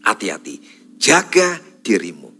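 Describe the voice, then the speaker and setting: A man preaching a church sermon in Indonesian with a Javanese accent, pressing warnings again and again and swinging between loud emphasis and hushed asides. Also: fairly low pitch, huge pitch swings, unhurried, slightly rough. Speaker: pastor. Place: church service.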